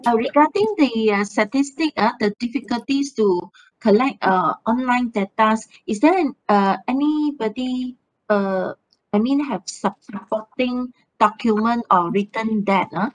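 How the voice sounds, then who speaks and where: A woman, a student on a video call, asking a question in a halting way with many fillers. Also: fairly high pitch, low-quality recording.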